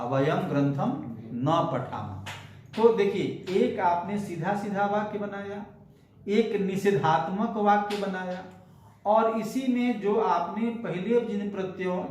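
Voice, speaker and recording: Slow, high-voiced male Sanskrit teacher. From India. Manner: slow, patient drilling with repeated example sentences. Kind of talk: grammar lesson. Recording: very echoey room.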